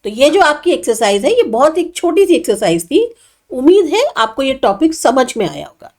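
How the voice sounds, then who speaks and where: A woman's voice: sits high, sing-song, moderate pace, darkish tone. A woman teaching a grammar lesson, patiently explaining in Hindi with English example sentences.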